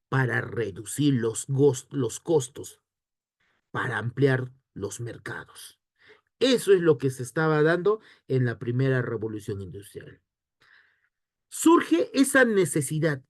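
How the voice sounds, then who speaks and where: A man teaching an online history lesson, asking himself questions and answering them in a lively way. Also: medium pitch, dry recording, studio quality. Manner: lively, rhetorical questions to students.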